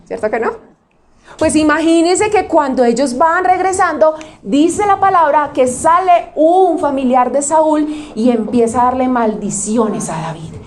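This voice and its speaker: A woman's voice: sits high, expressive, measured pace, a little mellow. A woman pastor preaching conversationally, often asking the audience questions and acting out quotes. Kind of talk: sermon.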